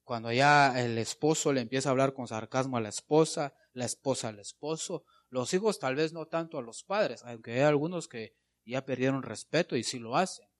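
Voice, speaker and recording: A man's voice: medium pitch, moderate pace. A man preaching a sermon, emphatic and constantly addressing his listeners as brother.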